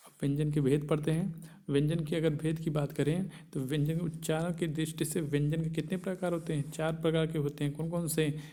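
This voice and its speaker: A man's voice: on the high side, little pitch movement, a little fast, dark tone. A male teacher giving an exam-prep grammar lesson, posing questions and answering them himself and repeating key points.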